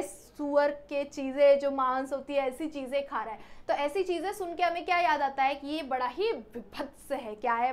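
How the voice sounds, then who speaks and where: A young woman teaching an exam-prep grammar lesson, asking her students questions and answering them herself, with English words mixed in. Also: sits high. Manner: repeats "ठीक है" often, mixes English words in.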